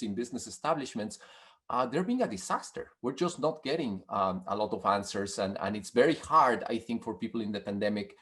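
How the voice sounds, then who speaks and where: A man speaking as a panelist in an online discussion, halting and repeating words as he grows heated. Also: mid-range voice, fairly bright tone.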